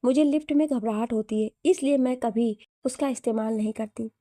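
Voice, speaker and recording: A woman's voice: fairly high pitch, fairly quick, dark tone, dry recording, studio quality, natural voice. A woman voicing a bold, hungry young office worker who talks bluntly and cheekily. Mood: sweet.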